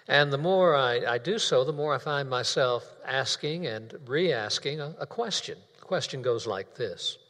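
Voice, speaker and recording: A man preaching a sermon in a church, speaking in a measured way and repeating key phrases for emphasis. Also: mid-range voice, lively intonation, a bit bright. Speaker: pastor. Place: church sanctuary. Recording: long reverb of a church hall.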